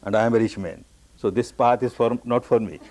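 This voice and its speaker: A man from Burma giving a meditation discourse, telling his own story with repeated, emphatic phrases that jump up high on the key words. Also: fairly even intonation, a little fast, a little mellow. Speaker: meditation teacher.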